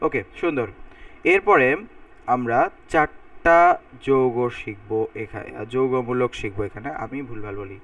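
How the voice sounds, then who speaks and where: The recording has no room sound, and the man, whose voice sits mid-range with a slightly bright tone, is a little way off the mic. At a moderate pace he lectures on chemistry formulas, writing on a board, thinking aloud, and repeating word endings to drill how they sound.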